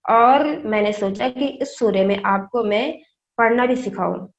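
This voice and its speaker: A woman teaching an online class on reading the Quran, spelling out the words letter by letter and answering her own questions. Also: medium pitch. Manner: asks questions and answers them herself. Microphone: online call microphone. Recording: dull lo-fi video call audio.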